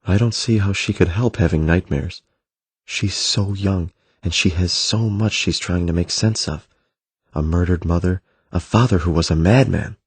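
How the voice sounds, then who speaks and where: A man voicing a gentle, thoughtful young prince in an audiobook, soft-spoken and reflective. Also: low-pitched, normal speed, breathy edge, dry recording. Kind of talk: audiobook character voice.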